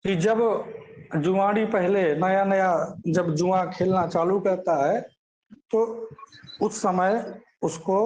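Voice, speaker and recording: Man slowly explaining Sanskrit verses. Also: high-pitched, darkish tone, lo-fi sound. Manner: recites verses slowly, then glosses them with teacherly questions. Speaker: Sanskrit teacher. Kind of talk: explaining scripture line by line.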